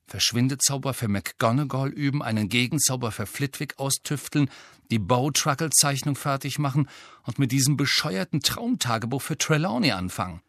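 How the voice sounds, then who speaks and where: A man's voice: medium pitch, animated, normal speed, fairly bright tone, dry recording. A man reading an audiobook, voicing a tired, grumbling teenage boy wizard. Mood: weary. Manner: weary, grumbling.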